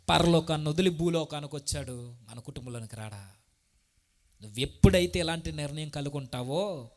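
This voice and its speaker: A man preaching a sermon at a gospel meeting, passionate, with repeated rhetorical questions and swings between loud and soft. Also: on the high side. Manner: impassioned rising and falling delivery, rhetorical questions.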